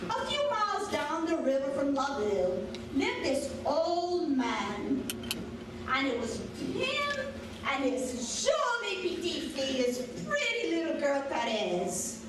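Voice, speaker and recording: Very high-pitched Cajun woman storyteller, echoey. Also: wildly swooping pitch, slow pace. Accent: Cajun Louisiana. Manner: theatrical, folksy dialect. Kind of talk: dramatic folk storytelling. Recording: echoey room, distant mic, noisy background.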